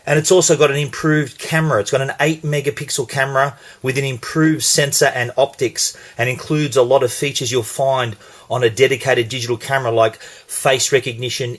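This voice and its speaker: An Australian man hosting a relaxed gadget demonstration in an easy middle-pitched voice. He talks through each step in a chatty, explanatory way, sometimes restarting a phrase mid-thought. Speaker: tech reviewer. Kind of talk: casual product demo.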